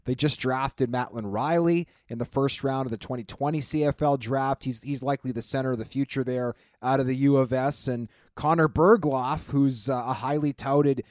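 A man's voice: medium pitch, fairly even intonation, normal speed, few pauses, darkish tone, no room sound, studio quality. Chatty male sports show co-host. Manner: conversational, repeats words when starting a thought. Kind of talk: casual sports talk.

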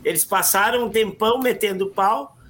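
Animated man telling stories. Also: sits high, moderate pace, a little hiss or hum. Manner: animated storytelling with acted quotes and restarts. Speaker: podcast co-host. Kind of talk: casual chat, storytelling.

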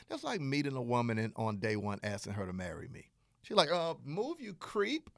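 A man with a Southern accent hosting a solo business podcast, teaching in an energetic, playful way and acting out little dialogues. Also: mid-range voice, no room sound, clean studio sound. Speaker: podcast host.

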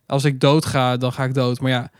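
A man's voice: mid-range voice, little pitch movement, normal speed, clean tone, no room sound. Young guy rambling on a podcast, kinda blunt, dry close sound. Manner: rambling, restarts often, blunt. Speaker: podcast co-host. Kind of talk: casual chat.

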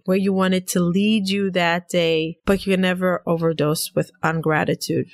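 Nasal, congested woman, low-pitched and dry. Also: no echo. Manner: earnest, repeats phrases for emphasis. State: has a cold. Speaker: podcast host. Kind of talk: personal reflective podcast monologue.

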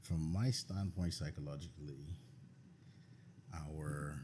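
A man's voice: extremely low pitch, fairly even intonation, slow pace, dark tone, a little hiss or hum. A Bahamian man, a podcast guest, talking bluntly and earnestly in a casual discussion, often repeating himself.

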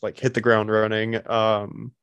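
A man in his twenties chatting casually with friends, easygoing and profane, often pausing on "uh.". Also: on the low side, completely flat delivery, fairly bright tone, clean tone, dry recording, highs cut off. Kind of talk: casual chat.

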